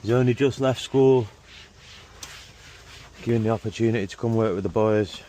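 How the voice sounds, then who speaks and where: Working man, casual and matey with slangy speech, giving relaxed instructions over background vehicle noise. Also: on the low side, normal speed. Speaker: car detailer filming and instructing a young helper. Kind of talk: casual chat while working. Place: in and around a vehicle being cleaned.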